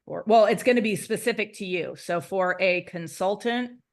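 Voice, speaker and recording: A woman's voice: medium pitch, normal speed. A woman marketing coach talking casually through a screen share, explaining with lots of "um"s. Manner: relaxed, filler-heavy explaining.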